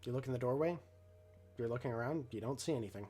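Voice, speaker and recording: A man's voice: medium pitch, fast. Man narrating a tabletop game, music behind. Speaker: game master.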